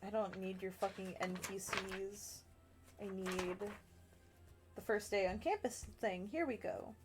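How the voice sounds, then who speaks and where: A woman's voice: mid-range voice, measured pace, over music. A woman hosting and running a tabletop role-playing game as game master, talking loosely with plenty of ums and uhs. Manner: loose, hesitant, many fillers.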